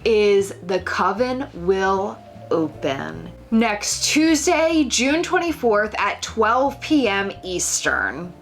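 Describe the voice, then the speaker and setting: A woman co-hosts a casual chat, dry and unimpressed by her partner's whining. Her voice sits at an ordinary middle pitch. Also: very animated, slow pace, gravelly, faint music behind. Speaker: co-host.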